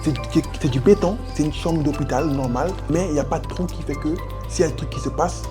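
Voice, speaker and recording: Music runs in the background as a French Guianese man, speaking fast in a fairly high voice, tells his story in an interview. It is animated personal storytelling, full of slang, sound effects, and calls of brother to the listener.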